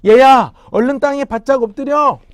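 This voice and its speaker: A man voicing a frantic father who shouts urgent warnings to his young son in a children's story. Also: very high voice, moderate pace, dry recording, studio quality, voice pushed up. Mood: urgent shouting.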